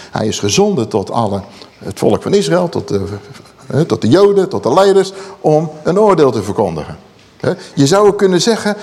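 A man preaching with a lively, rising and falling voice that sits a little high for a man. He often turns to the congregation with questions. His voice rings out with a long reverb in a large hall. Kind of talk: sermon.

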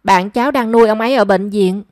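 A woman's voice: medium pitch, quick pace, darkish tone, no echo, clean studio sound, lightly acted. A woman voicing a remorseful young woman who pleads with her family. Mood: pleading. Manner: pleading and emotional. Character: young daughter, remorseful and anxious.

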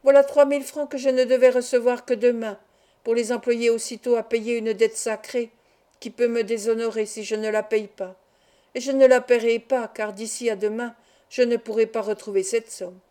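A scheming, miserly uncle, as a woman reads him from an audiobook novel, talking smoothly with a threat beneath it. The voice sits a little high and sounds mellow. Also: fairly even intonation, moderate pace, close to an everyday voice. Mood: feigned generosity. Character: harsh scheming miserly uncle, middle-aged man.

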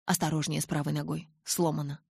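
A woman voicing a composed male doctor in an audiobook, speaking in a calm, commanding way with a husky voice. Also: low voice, fast talker, no echo, clean studio sound, exaggerated voice. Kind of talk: audiobook narration.

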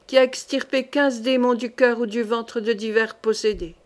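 A scheming man disguised as a hermit boasts of false miracles in a storybook reading, voiced by a woman reader. The voice is fairly high. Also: fairly even intonation, normal speed, lightly acted. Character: sly rogue posing as monk, man.

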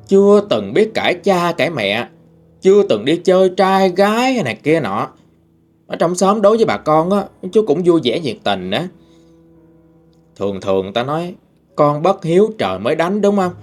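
Lively Southern Vietnamese male storyteller. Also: a little high. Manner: lively, folksy storytelling, voicing the people in it. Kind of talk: ghost story narration. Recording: faint music behind.

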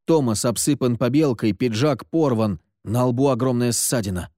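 A man narrating an audiobook in a steady, even storytelling manner. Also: medium pitch, normal speed, no echo, clean studio sound. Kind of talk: scripted narration.

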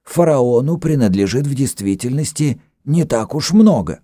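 A man's voice: mid-range voice, animated, moderate pace, no echo, clean studio sound, voice pushed up, close to an everyday voice. A man voicing a grey-bearded old Phoenician prince and shipowner who argues insistently. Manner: shouting, insistent.

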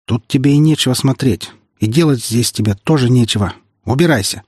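Cowardly, moody teen boy, read by a male narrator, husky voice, dry audiobook recording. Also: mid-range voice, brisk, a little mellow, no room sound, close to an everyday voice. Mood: angry. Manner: snapping, then whining.

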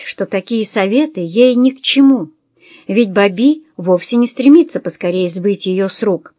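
Lady reading an audiobook, calm even narration, dead dry close mic. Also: mid-range voice, dry recording. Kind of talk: scripted narration.

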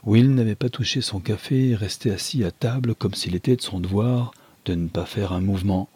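A male audiobook narrator with a low, dark voice and a husky grain. He reads in a measured, even manner, recorded close and dry with no room sound. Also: no room sound. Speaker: audiobook reader. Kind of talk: scripted narration.

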